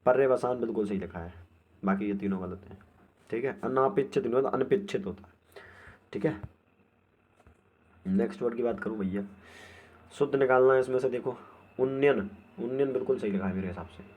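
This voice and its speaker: A man's voice: medium pitch, a little fast, long pauses, breathy edge, phone-quality sound. A man teaching an exam-prep spelling lesson, repeating each word and answer over and over. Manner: repetitive, drills each word aloud.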